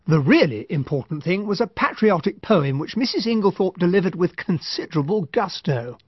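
An actor playing a genial, well-spoken English army captain, narrating and acting in a radio drama. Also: male voice, sits high, expressive, a little fast, slightly rough, no room sound, lo-fi sound. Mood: reminiscing.

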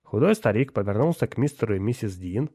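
A man narrating a story in an audiobook with a steady storytelling delivery. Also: fairly low pitch, quick pace, breathy edge, dry recording, clean studio sound.

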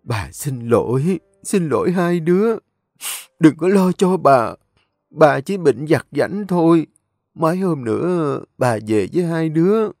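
A frail old grandmother near the end of her life, played by a male storyteller, pitched well above his own voice and kept soft and slow. She sounds resigned and loving, heard close and dry over faint music. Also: lively intonation, no room sound. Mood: comforting. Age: older.

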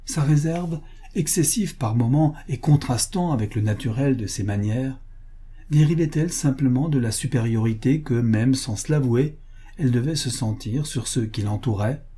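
A man narrating a classic novel as an audiobook, in an even, measured storytelling manner. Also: mid-range voice, breathy edge. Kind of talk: scripted literary narration.

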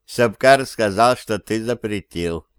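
A man's voice: lowish voice, takes it slowly, clean tone, no room sound, studio quality. A man voicing a naive young prince who answers with earnest conviction in an audiobook.

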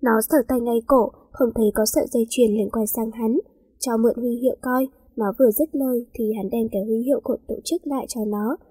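A woman narrating a story aloud in a steady, plain reading voice. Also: on the high side, fast talker, hardly any pauses, slightly rough, no echo, low-quality recording.

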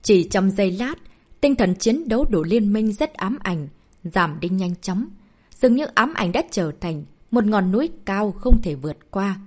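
A woman reads a martial arts novel aloud as an audiobook narrator. Her narration is expressive, and her pitch moves freely up and down to build the drama. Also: a little slow.

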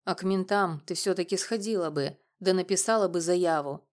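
Woman doing a big burly older neighbor, husky, gruff, protective, low audiobook voice. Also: normal speed, a little mellow, close to an everyday voice. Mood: gruff concern. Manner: gruff, growling.

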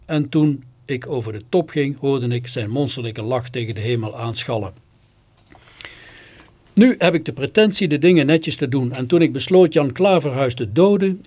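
A man's voice: medium pitch, normal speed, darkish tone. A man reading a first-person story on literary radio in a theatrical, scornful way, with sudden bitter outbursts.

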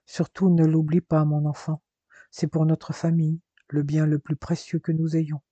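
A man's voice: fairly high pitch, level tone, normal speed, mellow, no echo, dull audio, lightly acted. A man voicing a weary old father worn down by grief, speaking in a subdued, resigned way. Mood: solemn.

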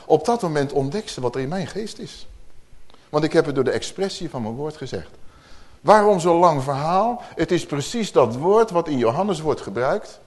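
Lively preacher man. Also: a little high, normal speed. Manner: conversational teaching with rhetorical questions. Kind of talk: sermon.

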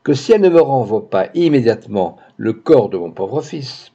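A man's voice: mid-range voice, big pitch swings, moderate pace, dark tone. A man voicing an older male doctor, furious and grieving, who breaks into angry, exclamatory outbursts, on a dull lo-fi recording.

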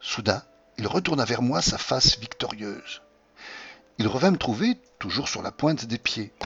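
Husky man narrating a classic novel. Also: mid-range voice, a little slow. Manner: expressive storytelling reading. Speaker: audiobook narrator. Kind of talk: scripted literary narration. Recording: dull lo-fi audio.

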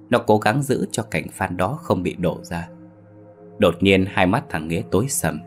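A man narrating a ghost story in a steady, measured way. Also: low-pitched. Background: faint background music.

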